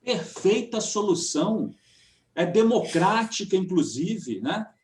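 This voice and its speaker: Woman as smug bossy mayor, hammy dramatic reading, really swoopy slow drawl, echoey room. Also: medium pitch, big pitch swings, a little mellow. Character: smug, censorious authoritarian mayor, capricious and pleased with himself.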